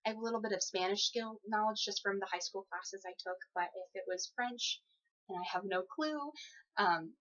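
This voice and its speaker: Over a dull, lo-fi phone line, a young woman applying for a job gives conversational answers at normal speed. Her voice is medium-pitched and a bit bright, and her manner is polite, relaxed and prone to giggles.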